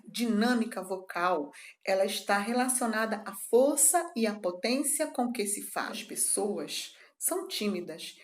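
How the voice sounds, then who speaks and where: Woman teacher explaining, echoey room. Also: on the high side. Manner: explanatory, often adds a questioning "né?". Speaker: arts teacher. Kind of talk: recorded class lecture.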